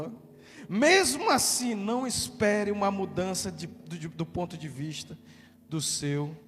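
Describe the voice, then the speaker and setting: Brazilian male pastor, high and loud, emphatic sermon, long church-hall reverb. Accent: Brazilian Portuguese. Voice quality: naturally loud voice. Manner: loud, emphatic preaching, calls out to the congregation. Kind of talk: sermon with declared prayer. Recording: reverberant hall with faint music.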